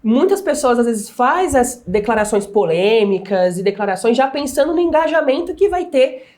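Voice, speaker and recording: Measured woman host. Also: a little high, very animated, a little mellow. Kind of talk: studio talk show discussion.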